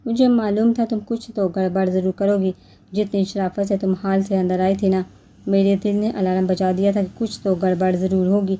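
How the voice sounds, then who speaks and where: A smug young husband who teases calmly and without hurry, as a female narrator reads him. The voice stays flat and very dark and mellow, in an audiobook romance reading. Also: medium pitch, close to an everyday voice. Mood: teasing. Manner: calm, unhurried, teasing. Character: smug, teasing young man, calm and possessive.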